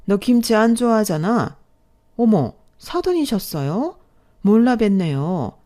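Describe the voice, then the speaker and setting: A woman voicing a rich, sharp-tongued older mother-in-law in a haughty, scornful manner, read as storybook dialogue. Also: mid-range voice, sing-song, unhurried. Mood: amused, mocking.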